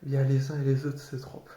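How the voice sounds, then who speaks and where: A man improvising a theatrical tirade in a sardonic, mock-polite way, halting and repeating his words. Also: mid-range voice, completely flat delivery, warm tone. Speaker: amateur actor improvising a monologue. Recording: roomy echo, clearly noisy background, clicks.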